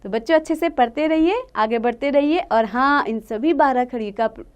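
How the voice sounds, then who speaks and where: A woman teaching a children's lesson, reciting syllables one by one in a slow, drawn-out way. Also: high-pitched, smooth.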